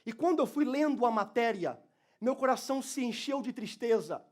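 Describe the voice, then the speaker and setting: Pastor, male, very high voice, fervent sermon delivery, loud peaks and hushed stretches. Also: expressive, moderate pace. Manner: passionate preaching, swings from soft to shouted. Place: church.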